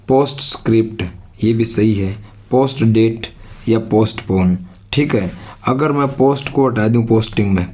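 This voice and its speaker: A man's voice: on the low side, warm tone. A man teaching an exam-prep English lesson, explaining step by step and repeating his own questions.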